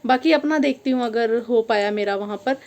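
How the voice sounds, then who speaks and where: A young woman vlogger from Haryana talks casually to her camera, calling her viewers guys. Her voice sits a little on the high side. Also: a little fast, creaky, a little mellow. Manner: chatty, addresses viewers as guys. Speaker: vlogger, mother. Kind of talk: casual vlog chat to camera.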